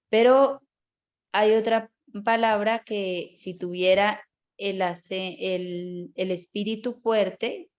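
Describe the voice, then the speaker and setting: A woman's voice: mid-range voice, dull audio. A woman teaching a Bible course class, explaining step by step and often checking in with her students. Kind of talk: online class lecture.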